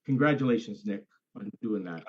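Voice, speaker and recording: A man's voice: on the low side, lively intonation, moderate pace, darkish tone. Man on a bad, breaking-up internet call. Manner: enthusiastic, emphatic, repeats for stress. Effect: breaking-up bad internet connection. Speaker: call participant asking questions. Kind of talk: casual online group call. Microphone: computer or phone on a video call. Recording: dull lo-fi internet call audio.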